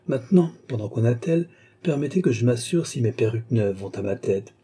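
A man's voice: medium pitch, lively intonation, brisk, mellow, breathy edge. A man voicing a shrewd, fussy middle-aged police chief in an audiobook, speaking emphatically. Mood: matter-of-fact.

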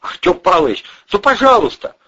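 A man's voice: fairly high pitch, huge pitch swings, measured pace, pushed and bright, husky, muffled recording, voice pushed up, exaggerated voice. A man voicing a frightened young male bandit who begs and pleads timidly, on an audiobook. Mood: pleading.

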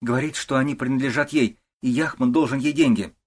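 A man reading an audiobook, voicing a soft, anxious young wife in a husky voice. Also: mid-range voice, brisk, voice pushed up, natural voice. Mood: firm. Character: young gentle wife and mother.

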